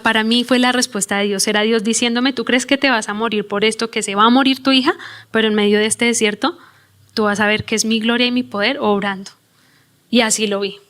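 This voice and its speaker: Woman pastor, sermon with personal testimony, fairly high voice, earnest emotional telling, church. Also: a bit bright. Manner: earnest, emotional storytelling, voices her own prayers; reads scripture aloud slowly.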